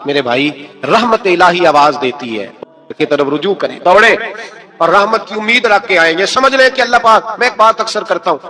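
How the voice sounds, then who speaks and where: A man's voice: fairly high pitch, pushed and bright. A man preaching an impassioned sermon, firing rhetorical questions at his listeners and alternating between scolding and pleading. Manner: fires rhetorical questions at the audience. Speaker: Islamic preacher.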